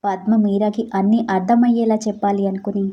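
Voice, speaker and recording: A woman narrating a scripted love story in a gentle, even storytelling manner. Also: medium pitch, fairly quick, lo-fi sound.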